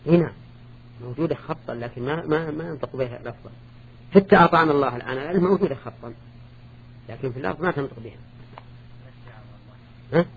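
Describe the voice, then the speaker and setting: A man's voice: fairly high pitch, quick pace, creaky, pauses often. A man teaching a grammar lesson, explaining step by step and asking his students short questions. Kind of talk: classroom lesson. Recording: dull lo-fi recording with faint hum.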